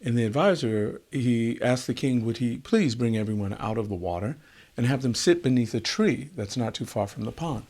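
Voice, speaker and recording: A man telling a wisdom tale in an unhurried way, repeating words for effect. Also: medium pitch, animated, darkish tone. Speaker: storyteller.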